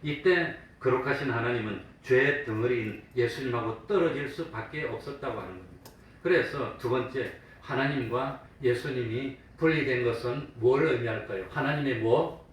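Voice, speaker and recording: Captured from afar in a very reverberant sanctuary with a low hum, a male preacher of medium pitch and normal pace delivers a call-and-response sermon. He asks his listeners questions, supplies the answers, and now and then imitates scoffers in a loud, taunting tone.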